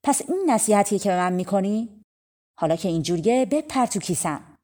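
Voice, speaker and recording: A bold and clever storybook prince who gives orders in a firm, unhurried voice, voiced by a woman narrator. He sounds stern toward the devil and earnest when advising others. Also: medium pitch, a little mellow, natural voice. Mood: indignant. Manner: commanding, deliberate.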